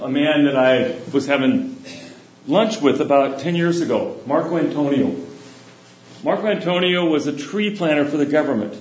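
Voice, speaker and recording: A middle-aged man giving a sermon, telling stories in a relaxed, conversational way. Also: fairly high pitch. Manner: anecdotal, conversational storytelling. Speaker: preacher. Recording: echoey room.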